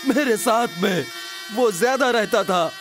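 A man's voice: sits high, lively intonation. A male voice actor dubbing a grieving man who demands to know his master's killer. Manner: anguished, demanding, drawn-out. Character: grieving vengeful man, fierce. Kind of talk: Hindi film dub acting. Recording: film audio with music.

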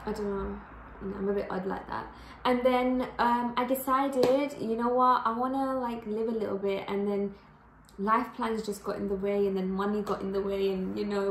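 A twenty-one-year-old woman, an animated and excitable guest chatting in a home kitchen, sitting slightly off the camera. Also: mid-range voice, normal speed, echoey room, slight background noise, poor audio. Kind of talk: casual chat.

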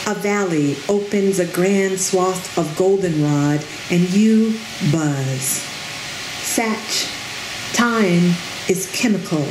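A middle-aged poet reads her own work at a podium microphone on a stand, under a tent on an outdoor reading stage. Her slightly low voice is slow, measured and deliberate, and the roomy sound carries a steady background hiss.

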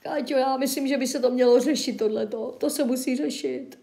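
High-voiced woman, mock-tearful livestream. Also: warm tone. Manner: mock-tearful, sarcastic, melodramatic sighing. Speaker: livestreamer reading local news and chat. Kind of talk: casual livestream chat.

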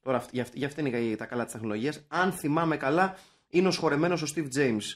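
A young man from Greece co-hosting a podcast, chatting casually with animated, jokey rants and swearing. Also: fairly high pitch. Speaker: podcast co-host. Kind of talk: casual chat.

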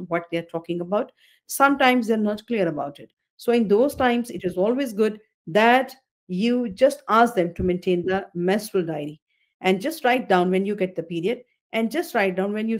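A woman in her fifties, an OB-GYN consultant, hosts a webinar over a video call, lecturing through her slides via a computer mic. Her voice is fairly low with a darkish tone, and she often repeats phrases and corrects herself with fillers.

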